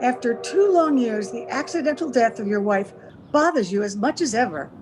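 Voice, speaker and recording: A woman with a fairly high, expressive voice at normal speed plays a cold, scornful, social-climbing wife with a hard sneer, in the style of 1930s radio melodrama. Her voice sounds natural, with noisy ambience underneath.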